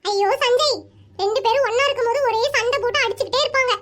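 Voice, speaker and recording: A chirpy cartoon schoolgirl who chatters on with giggles in her voice, voiced by a performer. The voice is extremely high, quick and bright. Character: cheerful young girl, chatty. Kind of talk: animated comedy cartoon voicing.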